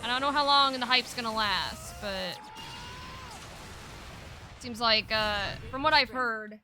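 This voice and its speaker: A woman's voice: fairly high pitch, slow, background noise. A woman streaming a fighting game, chatting casually and reading chat aloud with a laid-back, rambling manner full of fillers.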